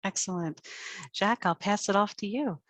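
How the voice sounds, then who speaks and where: A woman's voice: mid-range voice, normal speed, no room sound. A woman moderating an online panel. She reads a prepared introduction and then calls on each panelist in turn. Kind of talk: scripted introduction then hosting. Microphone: video call.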